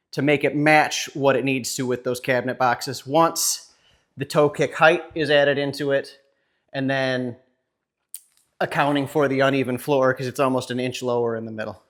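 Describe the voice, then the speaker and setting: A man hosting a woodworking channel, casually showing cabinet work while filming one-handed, chatty and talking to himself now and then. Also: medium pitch. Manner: relaxed, chatty, self-talk while filming.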